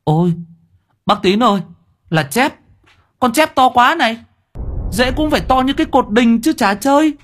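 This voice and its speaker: A man voicing an excitable, fawning village man who talks high and whiny. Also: moderate pace, pauses often, slight background noise. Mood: excited. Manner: high, whiny, emotional pleading.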